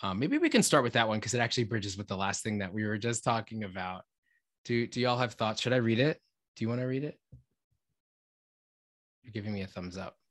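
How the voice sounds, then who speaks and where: A man's voice: fairly low pitch, animated, brisk, pauses often, fairly bright tone. A man on a video call as a panelist in an online discussion, thinking aloud with frequent fillers and restarts.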